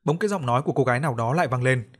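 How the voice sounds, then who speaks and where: A man reads a novel aloud as an audiobook narrator. His pitch is ordinary for a man. His storytelling is expressive and scripted. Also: rapid-fire.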